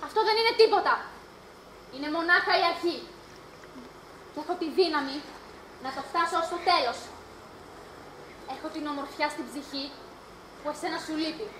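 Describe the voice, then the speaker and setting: A woman's voice: high-pitched, long pauses, noisy background, natural voice. A woman on stage playing a defiant, passionate youngest sister, declaiming fiercely, recorded live and echoey. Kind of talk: amateur stage acting.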